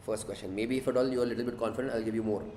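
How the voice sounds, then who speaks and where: A man's voice: mid-range voice, steady tone, racing, warm tone. A man with an Indian accent teaching an interactive class as a tutor, prodding students with questions and short checks. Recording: echoey room with faint noise.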